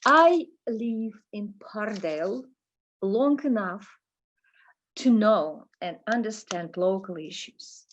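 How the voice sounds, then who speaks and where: A middle-aged woman from Russia with a Russian accent, giving a slow, careful prepared statement as a board nominee. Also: mid-range voice, animated, muffled recording, slight background noise.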